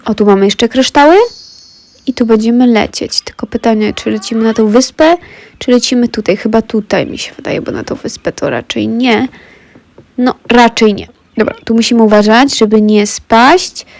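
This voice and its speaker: A woman's voice: on the high side, steady tone, normal speed, a little mellow. A woman with a cold and a stuffy throat, chatting to viewers while she plays a game. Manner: chatty, talks straight to viewers. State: congested with a cold. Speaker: let's play gamer. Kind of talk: casual gameplay commentary.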